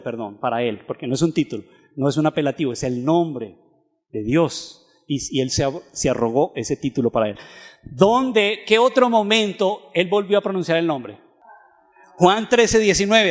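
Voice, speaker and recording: A man giving a Bible teaching lecture, reading scripture aloud and asking his audience frequent questions. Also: fairly high pitch. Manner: reads scripture aloud, slowing on verses. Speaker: theology seminar lecturer. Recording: long hall reverb.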